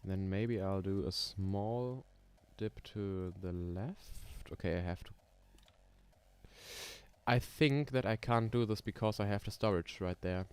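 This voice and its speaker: This young German man, German accent and all, speaks in a lowish, clean voice at a slightly slow pace. He's casually live streaming as he constructs roller coasters, thinking out loud and filling gaps with ums and soft laughs while a keyboard clicks in the background.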